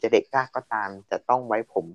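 A man co-hosting a casual chat podcast, explaining points calmly. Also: fast, no room sound. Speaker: podcast co-host. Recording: slightly dull lo-fi sound.

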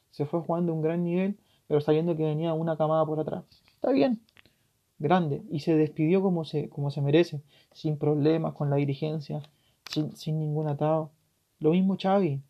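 Tearful gravelly Chilean man ranting. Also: on the high side. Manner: impassioned, swearing, voice swinging from loud to hushed. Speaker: podcast host. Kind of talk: emotional solo podcast rant. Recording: dull lo-fi recording.

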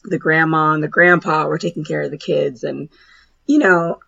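A woman co-hosting a casual podcast chat with a hoarse, raspy voice that is nearly gone, talking informally with lots of filler words. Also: low-pitched, steady tone, moderate pace, a bit bright, dull audio. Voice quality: raspy, husky. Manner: informal, heavy use of "like" and "you know".

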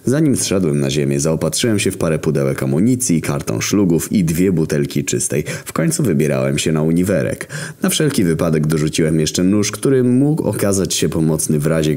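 A man with an extremely deep, gravelly voice narrates a crude first-person tale. His delivery is sardonic and swings lively in pitch, with a dark, heavy tone. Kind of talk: first-person comedy horror storytelling.

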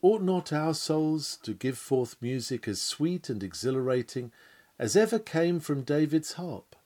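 A man's voice: fairly high pitch, sing-song, measured pace, warm tone. A man delivering a sermon in solemn, old-fashioned biblical language, full of rhetorical questions. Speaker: preacher. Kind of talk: sermon reading.

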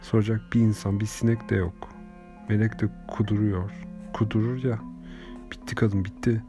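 Male audiobook narrator, low register, even measured delivery, recorded over clear background music.

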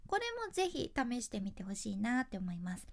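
A woman's voice: mid-range voice, big pitch swings, fairly quick, creaky. A young woman with a Fukuoka accent, a freelance announcer giving a casual speaking lesson in chatty explanations with dialect endings. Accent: Fukuoka Japanese.

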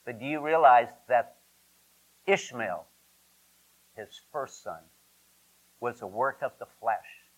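A man's voice: mid-range voice, animated, takes it slowly, pauses often, rough recording. A man preaching a sermon emphatically, asking rhetorical questions and drawing out repetitions. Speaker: pastor.

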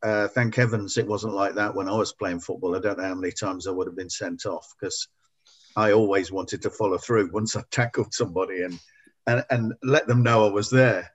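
A man and former player giving measured, hesitant opinions on a football podcast, with frequent ums. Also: on the low side, fairly even intonation.

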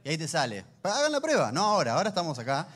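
A man's voice: fairly high pitch, huge pitch swings, very fast, fairly bright tone. A man, preaching a sermon in a conversational, humorous storytelling manner. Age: 30s. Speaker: pastor.

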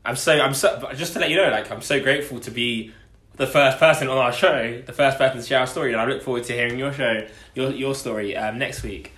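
In an echoey room, a man in his twenties with an Essex accent, from Essex and southeast London, England, shares his story as a podcast co-host. He talks a little fast in a mid-range, fairly bright voice, casual yet earnest, repeating phrases to stress them.

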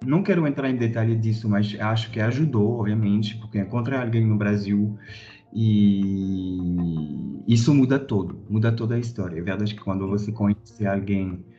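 A corporate director from France, in his thirties, appears as a podcast guest and narrates his career with many hesitations, fillers and restarts in a French accent. He has a lowish, dark-toned voice and speaks at normal speed. The recording is muffled, with soft background music.

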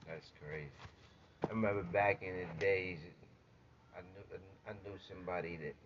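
A man's voice: low voice, fairly even intonation, moderate pace. A man in casual banter, emphatic and swearing freely, repeating himself to make his point. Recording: dull lo-fi sound with faint noise.

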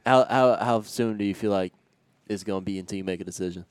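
Sports radio guy, lowish voice, chatty and slangy, really dry sound. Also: quick pace, dry recording. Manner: informal, slangy. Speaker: sports show host and radio broadcaster. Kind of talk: casual conversational sports talk.

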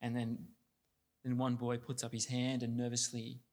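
A man's voice: medium pitch, completely flat delivery, moderate pace, a little mellow. A man reading scripture steadily, then preaching with many fillers and restarts.

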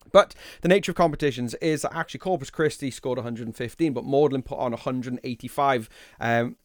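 A man's voice: mid-range voice, no room sound, clean studio sound. A man hosting a podcast, talking in a chatty, informal way as he gives commentary and asks questions. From the Wirral, north-west England. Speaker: podcast host. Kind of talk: conversational quiz recap and interview.

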